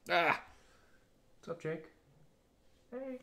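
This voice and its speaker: A man's voice: fairly low pitch, brisk, gravelly. A man, a game developer chatting playfully while streaming himself playing. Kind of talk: casual chat while gaming.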